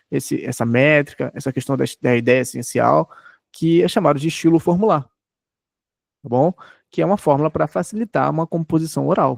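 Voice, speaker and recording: A man's voice: fairly high pitch, vocal fry, darkish tone, no echo, studio quality. A man in his thirties from Brazil, giving an online lecture, explaining patiently and checking in often with his students. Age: 30s. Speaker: teacher.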